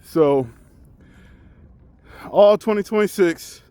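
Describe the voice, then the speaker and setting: A man in his forties speaks in a fairly high voice, candid and reflective, with a casual vlog feel. He works his thoughts out loud and restarts sentences as he goes. The sound is close and dry, with little room in it. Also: takes it slowly, smooth, dry recording. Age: 40s. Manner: talks while out on a walk. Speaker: truck driver.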